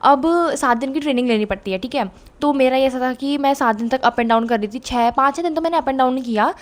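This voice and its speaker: A young woman in her twenties from India, casually telling a story in a chat, talking very fast and animatedly with quick asides. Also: sits high.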